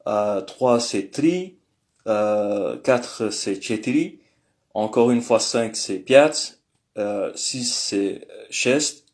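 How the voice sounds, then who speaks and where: A man's voice: mid-range voice, darkish tone. A man giving a casual spoken language lesson, hesitant and thinking aloud with many fillers. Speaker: language teacher.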